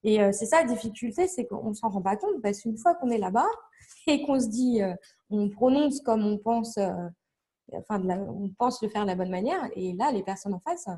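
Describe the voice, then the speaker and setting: A woman's voice: mid-range voice, animated, normal speed, dark tone. A young woman being interviewed, talking casually and at length, with many fillers and restarts as she explains things with examples. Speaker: interview guest, language learning blogger.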